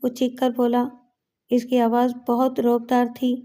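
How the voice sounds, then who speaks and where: High, mellow-voiced woman storyteller. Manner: expressive, dramatic reading. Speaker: narrator and voice-over artist. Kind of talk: dramatic storytelling in first person.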